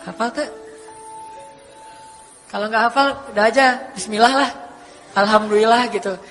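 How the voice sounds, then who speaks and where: A man preaching in a casual, humorous sermon, telling stories in an animated, playful way. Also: high voice, normal speed. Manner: animated storytelling, playful asides. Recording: reverberant hall with faint music.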